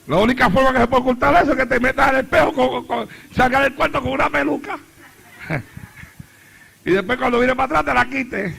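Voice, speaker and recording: A man's voice: very high voice, a little fast, gravelly, pushed and bright, breathy edge. A middle-aged man preaching a sermon as pastor, repeating phrases with rising fervor. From Puerto Rico.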